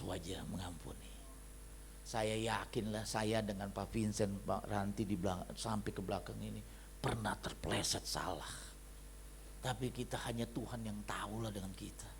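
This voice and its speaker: A middle-aged male pastor preaching a sermon, telling stories with sudden shifts between loud, excited bursts and quiet asides. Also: lowish voice, normal speed, creaky, a little hiss or hum. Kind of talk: sermon with storytelling. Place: fellowship meeting hall.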